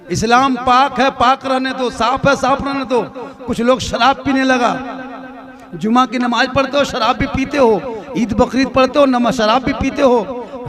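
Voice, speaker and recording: A man preaching a fiery sermon in rhythmic rhetorical lists that build toward shouting. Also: extremely high pitch. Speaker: Islamic preacher. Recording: crowd noise behind. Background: crowd audible.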